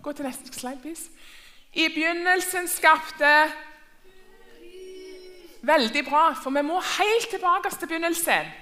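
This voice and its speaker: A woman's voice: high voice, expressive, few pauses, sharp tone. A woman teaching a children's church class, asking questions and repeating herself in two languages. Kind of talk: bilingual Sunday school lesson.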